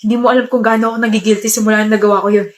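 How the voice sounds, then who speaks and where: A woman's voice: fairly high pitch, flat delivery, very fast, lightly acted. A woman playing a cheating young boyfriend who pleads and defends himself in a comedic skit. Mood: guilty. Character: cheating young male boyfriend, clingy and evasive.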